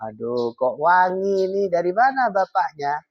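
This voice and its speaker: Man doing a shrill high-pitched housewife, nagging and sharp-tongued, dry close sound. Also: big pitch swings, a little slow, no room sound, lo-fi sound. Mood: fawning. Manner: shrill scolding, turns sugary to guests. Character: harsh nagging housewife, middle-aged woman.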